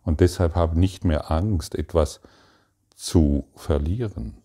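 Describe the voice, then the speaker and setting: Deep, slow-spoken man giving spiritual teaching. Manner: addresses listener directly with probing questions; calm, halting phrasing with long pauses. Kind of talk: meditative spiritual talk.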